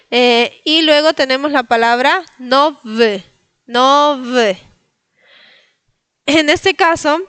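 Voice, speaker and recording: A woman's voice: sits high, a bit bright, clear, resonant tone, no room sound. A woman from Latin America teaching Polish pronunciation to Spanish speakers, patiently repeating each word for learners. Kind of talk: pronunciation lesson.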